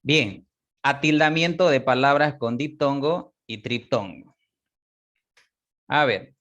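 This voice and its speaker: A man teaching a class, explaining step by step, repeating example words slowly and often checking that students follow. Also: mid-range voice, a bit bright, highs cut off. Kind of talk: online class lecture.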